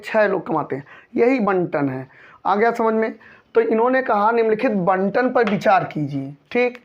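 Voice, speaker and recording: A man teaching a maths lesson, patiently going over each step and often checking in with his students. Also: high-pitched. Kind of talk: maths lesson explaining a textbook problem. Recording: dull lo-fi recording.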